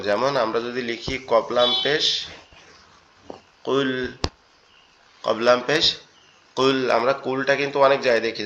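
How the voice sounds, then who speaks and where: A man's voice: mid-range voice, fairly bright tone, a little hiss or hum. Patient man teaching letters, lo-fi. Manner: patient, repeats each point slowly. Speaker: Quran teacher. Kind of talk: online lesson on Arabic letters.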